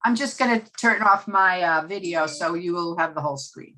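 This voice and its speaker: A woman's voice: on the low side, normal speed, crowd noise. A woman introducing a webinar over a video call, a bit flustered with the tech. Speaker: program host.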